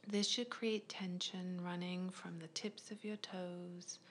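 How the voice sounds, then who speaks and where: A woman guiding a progressive muscle relaxation in a soft, unvoiced ASMR whisper, with slow, gentle, soothing instructions. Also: fairly low pitch, flat delivery, slight background noise. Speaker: relaxation guide.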